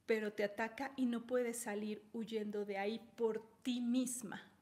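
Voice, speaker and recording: A woman with a somewhat high voice giving a relaxed teaching talk. She explains through examples and keeps her listeners with her using frequent little check-in questions. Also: unhurried. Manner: storytelling, checks in with tag questions. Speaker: holistic health speaker.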